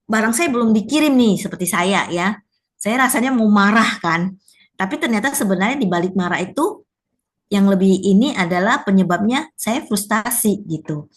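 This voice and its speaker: A woman's voice: mid-range voice, lively intonation, moderate pace, breathy edge. A woman giving a conversational teaching talk at a workshop for teachers, often tossing in rhetorical tag questions.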